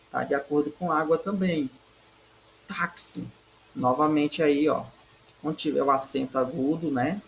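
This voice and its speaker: A man with a fairly high, gravelly voice walks through exam questions like a patient teacher. He keeps checking in with his listeners and leans hard on the syllables he is explaining. A faint hiss sits under the recording. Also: rough recording. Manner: didactic, frequent "certo?" and "né?" tag questions; stresses syllables by saying them louder. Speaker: Portuguese teacher.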